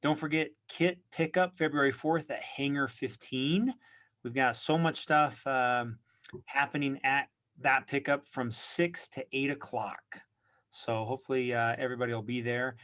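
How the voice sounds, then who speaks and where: A man hosting a podcast, giving an upbeat, brisk introduction and team announcements with frequent fillers. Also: medium pitch, steady tone, a bit bright. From Utah. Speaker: podcast host.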